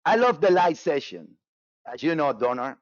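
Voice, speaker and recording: A Cuban-born man runs a live trading webinar in a dry, muffled recording with no echo. His voice sits on the high side with big pitch swings at normal speed, and he talks casually and repetitively, full of fillers and constant restarts.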